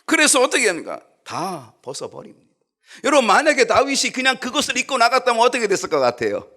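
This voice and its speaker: A male pastor delivers a sermon in a church sanctuary with a bright, forceful voice. His pitch leaps and falls in a lively way, rising to loud, pressing emphasis and then dropping to quiet asides. He talks straight to the congregation and acts out short quotes as he goes. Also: fast talker. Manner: animated preaching, swings from loud to hushed, acts out quotes.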